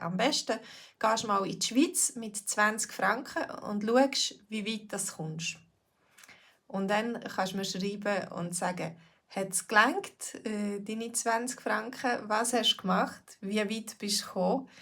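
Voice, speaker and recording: A middle-aged woman with a Swiss accent, a Swiss German teacher chatting casually to learners, repeating phrases slowly. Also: mid-range voice, vocal fry, husky. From Switzerland. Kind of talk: casual video lesson talk.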